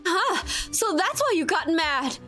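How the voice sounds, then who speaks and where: A woman's voice: very high voice, big pitch swings, measured pace, music in the background, exaggerated voice. A woman reading as an earnest young defense lawyer. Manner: earnest, reading dialogue aloud.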